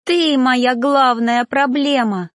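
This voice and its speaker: A woman's voice: high-pitched, fairly even intonation, takes it slowly, a bit bright, no room sound, studio quality, pitched above the performer's own voice. A woman voicing the ghost of a grieving young woman, speaking in a sobbing, pleading way. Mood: furious.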